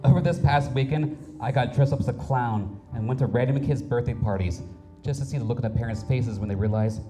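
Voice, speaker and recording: A male stand-up comedian delivering dark, deadpan one-liners on a comedy stage before a live audience. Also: medium pitch, fairly quick, music in the background.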